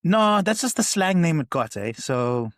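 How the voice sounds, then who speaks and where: A man's voice: on the high side, sing-song, unhurried, a bit bright, no echo, studio quality. A man from South Africa telling stories in a casual podcast chat, chatty and swearing casually.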